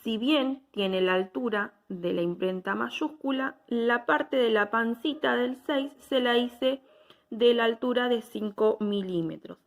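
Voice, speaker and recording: A woman's voice: a little high, unhurried. A woman, giving a patient step-by-step technical drawing lesson and checking in with her students after each step.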